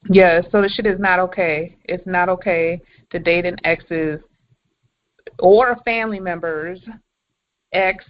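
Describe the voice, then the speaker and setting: A woman's voice: on the low side, steady tone, a little slow, highs cut off. A woman co-hosting a podcast, chatting casually and ranting bluntly with lots of swearing and emphatic stresses. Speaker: podcast co-host. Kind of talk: casual chat.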